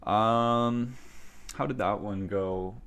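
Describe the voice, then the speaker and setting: A man from Canada co-hosting a podcast, chatting about fights in a casual, excitable way with frequent laughter and slang. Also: lowish voice, extremely slow, clear, resonant tone. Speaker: podcast co-host. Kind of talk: casual sports chat.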